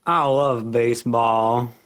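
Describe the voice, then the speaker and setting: A man's voice: mid-range voice, fairly even intonation, slow pace, fairly bright tone. A man playing an eager, baffled, folksy baseball fan in an old-time radio comedy double act.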